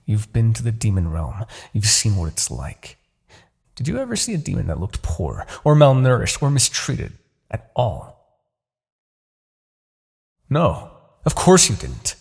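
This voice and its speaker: A man plays a low, gravelly demon king in fantasy ASMR, a smug, seductive tyrant given to taunting and manipulation. His heavily acted, slightly mellow delivery is unhurried, with huge pitch swings, long pauses and condescendingly drawn-out words, and the mood here is impassioned and persuasive.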